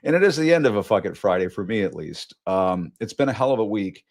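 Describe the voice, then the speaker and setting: A man in his fifties hosts a live political show. He talks in a slightly low voice, conversational but punchy, and curses now and then for emphasis. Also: big pitch swings, quick pace. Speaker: host. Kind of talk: live news show sign-off. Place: Washington studio.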